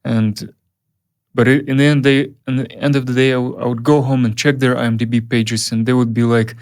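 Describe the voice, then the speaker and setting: A man, a film director telling stories in a relaxed interview. His pitch sits in the middle range for a man. He talks in halting runs, full of fillers and restarts. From Uyghur region, Central Asia. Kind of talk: casual interview storytelling.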